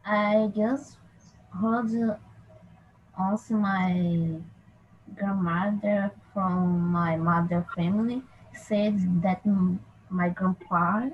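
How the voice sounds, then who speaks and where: A Brazilian woman, a native Portuguese speaker, talks very slowly in English, stopping often to find her words. Her mic sounds dull and lo-fi, with faint noise behind her. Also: medium pitch, fairly even intonation. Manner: halting, searching for English words. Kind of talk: casual group discussion.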